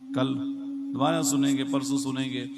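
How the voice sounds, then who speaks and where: A man's voice: medium pitch, little pitch movement, very noisy. A man preaching a devotional sermon over a microphone with a heavy echo effect, quoting scripture and asking the audience questions. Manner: rhetorical, asks the audience questions, slow and emphatic. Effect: heavy echo on the sound system. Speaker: Bhagavat katha preacher. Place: large devotional gathering with an audience. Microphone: microphone through a loudspeaker system. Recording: long echoing reverb with music playing.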